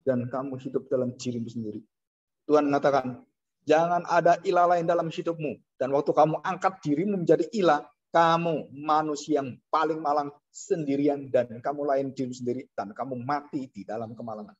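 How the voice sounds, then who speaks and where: A pastor delivers an animated sermon at a fairly quick pace, his husky voice climbing high when he imitates frightened people and sinking low for solemn moments. The recording has a dull, lo-fi quality.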